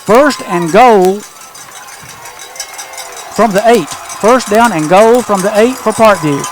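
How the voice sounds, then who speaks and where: A man's voice: high-pitched, slow pace. A man doing live football play-by-play as a partisan home-team announcer.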